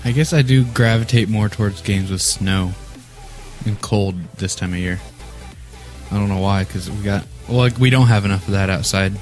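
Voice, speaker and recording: A man's voice: lowish voice, normal speed, faint music behind. A man from Iowa co-hosting a casual chat, laid-back and mostly giving short, agreeing replies. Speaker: podcast co-host.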